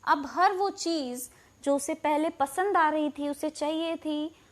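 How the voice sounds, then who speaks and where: A woman's voice: sits high, slow. A woman English teacher with an Indian accent, reading a story line by line in English and then explaining each line in Hindi.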